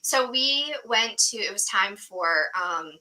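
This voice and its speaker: Bright, animated woman guest. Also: mid-range voice, slow pace, low-quality recording. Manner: animated, lots of quoted dialogue and fillers. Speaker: podcast guest. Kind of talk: storytelling in conversation.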